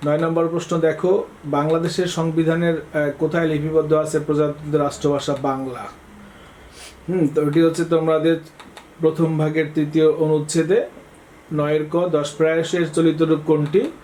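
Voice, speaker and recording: Brisk male teacher quizzing students. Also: fairly high pitch, level tone, darkish tone, slight background noise, rough recording. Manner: brisk, reads questions then answers, says "haan" and "look" often. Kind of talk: exam-prep lesson for students.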